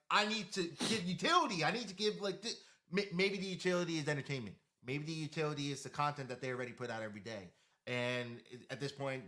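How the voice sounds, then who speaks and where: A man with a bright, clear voice thinks out loud on a live stream from his desk, full of fillers and restarts. His pitch sits mid-range, and he perks up into lively quoted voices when he acts out what other people say. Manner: rambling, loose with many fillers and restarts; animated when quoting others. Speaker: co-host of a live crypto talk stream. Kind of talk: casual live stream chat. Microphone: home desk mic with monitor.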